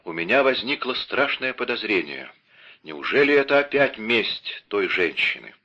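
A man reading the part of a bold, quick young guardsman in an audiobook, speaking with earnest urgency. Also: fairly low pitch, sing-song, sharp tone, heavily acted. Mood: alarmed. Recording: dull lo-fi audio.

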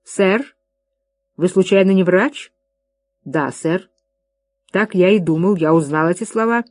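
A reader voicing a gruff, commanding middle-aged father who gives orders. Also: medium pitch, measured pace, no room sound, lightly acted. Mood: bossy. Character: stubborn excitable father, middle-aged man.

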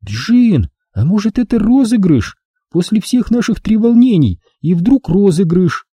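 A man reading an audiobook voices a nervous young woman, raising his voice high and making it pleading. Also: sing-song, a little slow, warm tone, breathy edge, dry recording, clean studio sound, heavily acted. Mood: suspicious.

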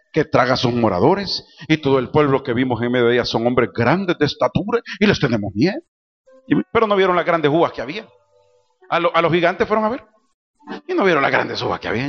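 A man preaching a sermon, calling out to his congregation and swinging between loud cries and soft asides. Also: on the high side. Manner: preaching with call-and-response to the congregation. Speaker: pastor. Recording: dull lo-fi church recording with music.

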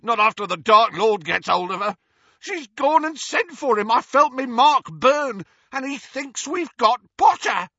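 A coarse, bullying dark wizard who shrieks and bellows in a high, strained, lurching voice, as a male narrator pushes his pitch well up. The reading is bright and a little husky. It sits in a dry, slightly dull recording. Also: very animated, moderate pace, no echo, full character voice. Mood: panicked.

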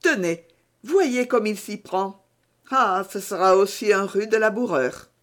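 A woman voicing a kind, gently teasing young peasant woman in an audiobook reading. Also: mid-range voice, slow, voice pushed up, lightly acted. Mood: coaxing. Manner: teasing, coaxing.

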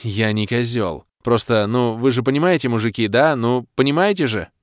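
A man voicing a flustered, embarrassed male healer who squeaks and pleads to justify himself. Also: moderate pace, dry recording, studio quality, close to an everyday voice. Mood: pleading.

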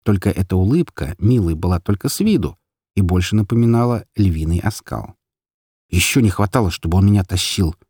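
A man narrating an audiobook story in an expressive, dramatic way. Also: deep voice, a little fast, husky, no echo, studio quality.

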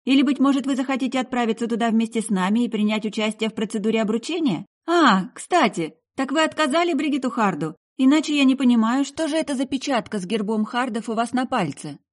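Audiobook figure: eager young female healer, high voice, rapid prying questions, read by a woman. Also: lively intonation.

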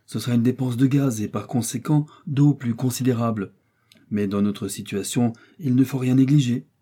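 Male reader doing composed scholarly explorer, very dark husky voice. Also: mid-range voice, fairly even intonation, moderate pace, lightly acted. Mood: calm. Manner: composed, explanatory. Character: calm learned male explorer doctor. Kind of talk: audiobook character voice.

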